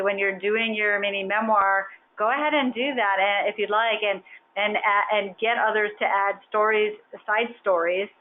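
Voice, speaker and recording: A woman hosting a webinar Q&A over a video call, explaining at length in a friendly way. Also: mid-range voice. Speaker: webinar host. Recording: phone-like band, faint hiss.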